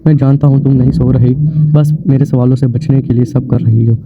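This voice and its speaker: A man's voice: medium pitch, fairly even intonation, dry recording, natural voice. A man voicing an angry, domineering young husband who makes threatening demands. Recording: tinny phone-like, dry sound.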